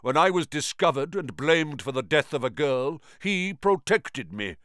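A croaking ancient spider speaks with slow, solemn menace, as a male reader puts him on. The voice sits clearly above the reader's own and pushes louder, with wide swings of pitch. The recording is close and dry. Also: expressive, no echo. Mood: fretful. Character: ancient giant male spider, grave and fretful.

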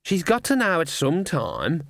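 A man voicing a chatty, excitable male raven that squawks and gossips in a storybook reading. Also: on the high side, a little slow, vocal fry, no echo, studio quality, pitched above the performer's own voice, heavily acted.

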